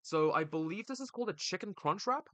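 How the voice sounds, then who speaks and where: A man's voice: high voice, expressive, brisk, bright, forceful tone, dry recording. A young man live-streaming, casually reading chat aloud and bantering back in a slangy, laid-back way on a desk mic. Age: young adult.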